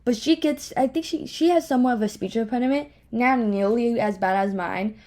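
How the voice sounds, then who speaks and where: A young woman with a speech impediment hosts a podcast alone from her home office, rambling in a candid, self-deprecating, casual way. Her mellow voice is on the high side and a little fast.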